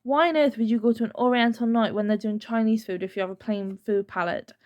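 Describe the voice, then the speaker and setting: A woman's voice: on the high side, fairly even intonation, fast, muffled recording. A young woman chatting casually to camera, telling stories with lots of fillers and quoting people as she goes. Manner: chatty, filler-heavy storytelling. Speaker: YouTuber.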